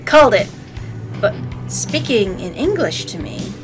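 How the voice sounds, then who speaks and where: A woman's voice: fairly high pitch, big pitch swings, measured pace. A woman hosting a let's play, reading game narration aloud with playful, sassy commentary. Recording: faint game music behind. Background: game music.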